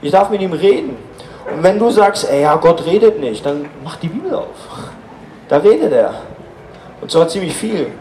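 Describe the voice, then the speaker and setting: A man's voice: high-pitched, sing-song, moderate pace, mellow, roomy sound, a little hiss or hum, poor audio. Earnest man giving casual faith testimony. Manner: informal, earnest, many fillers.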